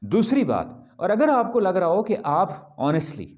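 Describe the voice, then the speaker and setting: Male trainer, classroom lecture, fairly high voice, very animated pitch, emphatic, checks understanding. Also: a little slow. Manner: lively, emphatic, asks "Am I clear ji?" often; mixes English phrases into Hindi-Urdu. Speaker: presentation skills trainer.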